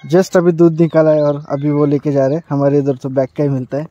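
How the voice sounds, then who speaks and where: A man's voice: on the high side, level tone, a little fast, mellow, highs cut off, a little hiss or hum. A man from Latur in Maharashtra, India, narrating his travel vlog in a casual, chatty way, explaining each stop as he goes. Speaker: travel vlogger. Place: on the road and outdoors in a village. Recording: music playing under the voice.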